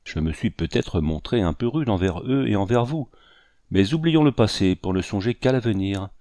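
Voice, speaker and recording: A man's voice: fairly low pitch, lively intonation, moderate pace, dark tone, dry recording, studio quality, natural voice. A man voicing a cordial, commanding French general in an audiobook, with formal, assured speech.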